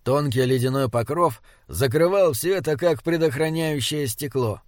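A male audiobook narrator with a slightly raised pitch reads in a measured, descriptive way. The sound is close and dry, with no room around it. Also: dry recording.

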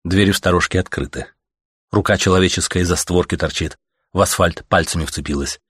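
Deep husky male audiobook narrator. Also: fairly quick, fairly bright tone, no echo, studio quality. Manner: terse, clipped sentences.

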